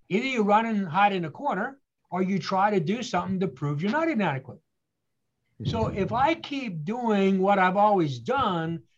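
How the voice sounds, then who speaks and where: Earnest high-voiced man, rhetorical questions. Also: dull audio. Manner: emphatic, repeats key phrases, asks rhetorical questions. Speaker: guest speaker. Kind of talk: earnest motivational storytelling.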